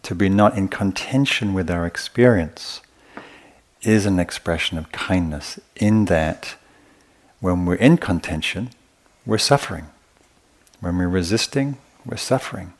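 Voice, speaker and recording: With a deep and animated voice, a man teaches meditation during a guided retreat talk, keeping a gentle, unhurried pace and often pausing between short phrases.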